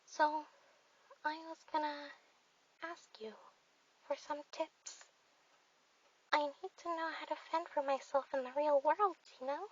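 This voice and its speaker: Woman voicing a high-pitched, shy little catgirl kitten, ASMR role-play. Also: steady tone, dull audio, a little hiss or hum. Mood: earnest, pleading. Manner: hesitant, halting, cutesy little-girl delivery. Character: shy young orphaned catgirl, childlike cat folk kitten.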